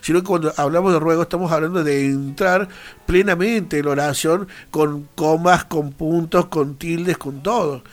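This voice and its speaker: A man's voice: on the high side, fairly even intonation, normal speed. A man, explaining prayer in earnest in a devotional talk and reading Bible verses aloud. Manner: earnest, reads scripture aloud, quotes sample prayers. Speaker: church radio co-host.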